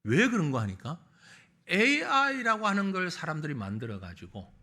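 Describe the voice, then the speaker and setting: A man's voice: on the high side, huge pitch swings, moderate pace, bright, forceful tone. A man preaching a sermon as pastor, with rhetorical questions to the congregation.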